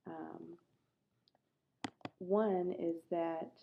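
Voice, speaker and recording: A woman's voice: on the low side, fairly even intonation, drawn-out words, gravelly, slight background noise. A woman giving a recorded online lecture through a laptop microphone. Her voice sounds hollow and muffled, as if she were at the bottom of a well. She talks in a conversational, earnest way and often stops to ask the class questions. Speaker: instructor.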